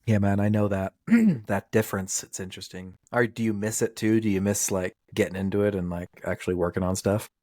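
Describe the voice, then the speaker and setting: A man's voice: fairly low pitch, level tone, brisk, few pauses, darkish tone, no room sound. A male podcast host who reads an ad with enthusiasm and chats with a guest in a casual, upbeat way. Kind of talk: podcast interview and ad read.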